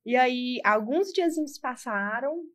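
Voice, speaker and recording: A woman in her twenties from northeastern Brazil, a guest on an interview podcast, telling stories in a lively way and repeating words for emphasis. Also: high voice, unhurried. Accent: Ceará Brazilian Portuguese. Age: 20s.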